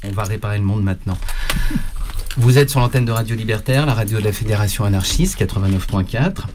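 A man's voice: on the low side, fast. A man hosting a radio show in a casual, conversational presenting style. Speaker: radio host. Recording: clear background noise, clicks.

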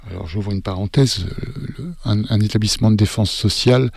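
A man hosting a radio show, talking haltingly with many fillers and restarts. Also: fairly low pitch, creaky, a little mellow, no room sound, studio quality. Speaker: radio host. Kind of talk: hesitant talk radio commentary.

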